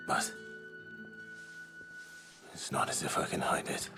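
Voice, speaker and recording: A man playing a guarded, gruff hero in a video game, with terse, understated delivery. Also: slow, sharp tone, faint music behind. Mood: indignant. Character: guarded, gruff young male fugitive hero. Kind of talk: scripted video game acting.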